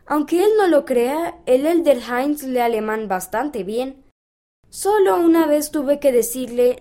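A woman reading aloud a children's magazine story as scripted narration, in a calm, even storybook manner. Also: high voice.

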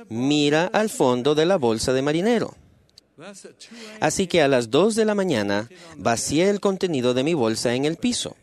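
A man of middle pitch gives a sermon to a church gathering, recounting a personal story. His delivery is measured and earnest, and he slows deliberately on the phrases he wants to land. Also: a little mellow. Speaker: speaker at a church meeting.

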